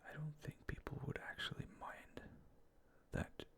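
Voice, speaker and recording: A man whispering hesitantly and softly in a casual, rambling ASMR style, with a breathy, creaky voice close to the microphone. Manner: slow, hesitant, mindful, self-effacing. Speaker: ASMR video maker. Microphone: close ASMR microphone with fluffy cover.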